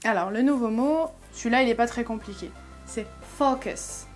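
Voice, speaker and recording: A woman's voice: on the high side, brisk, soft background music. A woman hosting an English-learning channel, giving reaction commentary, explaining pronunciation step by step and thinking aloud as she sounds out words.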